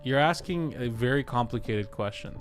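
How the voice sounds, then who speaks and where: A man's voice: medium pitch, animated, normal speed, faint music behind. A man hosting a casual real estate livestream, joking and chatty as he reads viewer comments aloud.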